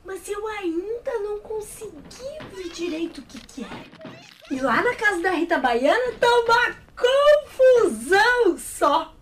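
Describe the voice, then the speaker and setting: A woman playing a nosy, gossiping neighbor who hushes her daughter and relishes the drama. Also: extremely high pitch, sing-song, takes it slowly, distant mic, slight background noise, exaggerated voice. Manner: hushing, gleeful gossip.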